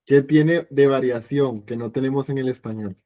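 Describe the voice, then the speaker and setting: A man's voice: medium pitch, dull audio. Patient man teaching a language class. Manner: patient, repeats sounds slowly for students. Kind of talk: online class lesson.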